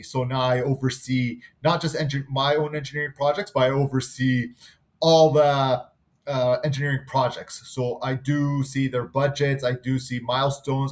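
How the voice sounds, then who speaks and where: Relaxed man in his thirties presenting live. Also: medium pitch. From Canada. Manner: relaxed, unscripted, pauses while working on screen. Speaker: engineer presenting a class assignment. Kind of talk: live screen-recorded class presentation.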